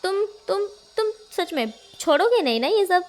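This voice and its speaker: A woman reading out a hot-headed young man in a storybook reading, blunt and easily exasperated. The voice sits high. Plain, everyday delivery. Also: sing-song, normal speed. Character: bold, hot-headed young male student.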